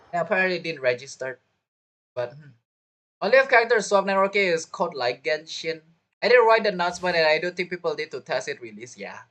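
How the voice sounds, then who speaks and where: A non-native English-speaking woman livestreams a game and chats casually, hesitant and rambling, repeating phrases and circling back on herself. Her voice sits on the low side and is a bit bright. The recording is low quality, with video game music and character voices playing behind her.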